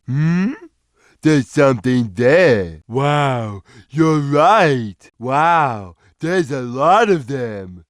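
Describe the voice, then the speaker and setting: An actor playing a big, gentle, simple-minded cartoon cat in a video game, speaking in a slow, earnest, friendly way. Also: male voice, a little high, no echo, clean studio sound. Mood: easygoing, earnest. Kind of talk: video game character lines.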